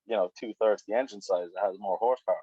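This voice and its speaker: A man's voice: on the low side, fast talker, mellow, husky, no room sound. A man, chatting casually and rambling about motorbikes on a video call. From Ireland. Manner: rambling, swears then apologizes. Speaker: biker guest on a video call. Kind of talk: casual chat. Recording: dull lo-fi video call audio.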